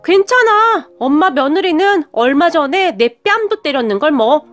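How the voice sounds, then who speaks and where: Whiny spoiled sister-in-law, screechy, high, lively pitch, woman doing it. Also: moderate pace, soft background music. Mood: shrieking. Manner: screeching, whining.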